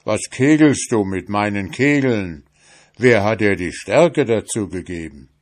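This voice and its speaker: A man doing a loud, gruff giant. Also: on the low side, lively intonation, a little slow. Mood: scornful. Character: huge gruff male giant, stern. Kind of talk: audiobook fairy tale reading.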